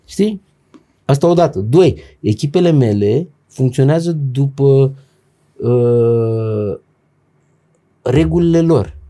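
A middle-aged man, a business owner and professor, talking as a podcast guest in a blunt, slangy, animated way, acting out old conversations as he tells them. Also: mid-range voice, pauses often. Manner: animated storyteller, blunt slangy speech, acts out dialogue. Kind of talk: casual conversational interview.

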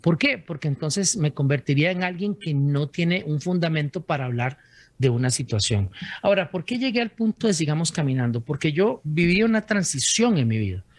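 A man's voice: a little high, animated, fairly quick, no room sound. A man, an author telling his faith story as an interview guest, earnest, with many restarts.

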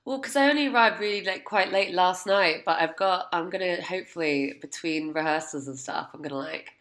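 A woman's voice: lowish voice, brisk, a bit bright. Chatty London woman echoing in a hotel suite. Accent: London English. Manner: chatty, lots of "like", laughs easily. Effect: echoey sound of a huge hotel suite. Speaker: film podcast co-host. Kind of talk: casual chat. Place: large hotel suite indoors.

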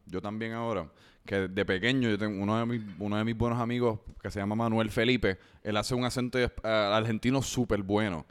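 A young man, hosting a podcast in a relaxed, joking way and swearing casually. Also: lowish voice, fairly quick, smooth. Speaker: podcast host.

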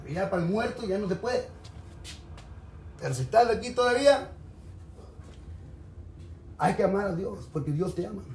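A man's voice: high-pitched, lively intonation, normal speed, long pauses, a little mellow. A man preaching a sermon in a colloquial, exhorting way, addressing listeners directly. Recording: echoey room, faint background noise.

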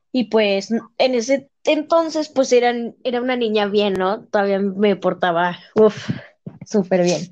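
A woman's voice: on the high side, darkish tone. Young Mexican woman telling a personal story. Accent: Mexican Spanish. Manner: casual, halting storytelling with many fillers. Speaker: interviewee. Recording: slightly muffled lo-fi sound.

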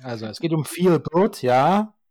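A man co-hosting a podcast in an excited, hurried way, speaking so close to the microphone that his voice overdrives into distortion. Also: on the high side. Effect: overdriven, distorted mic from speaking too close. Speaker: podcast co-host. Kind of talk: casual podcast chat. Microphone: too close to the microphone.

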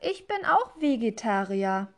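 A woman voicing a young, hungry and curious rabbit with a squeaky voice, as in a read-aloud storybook. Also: sing-song, a little slow.

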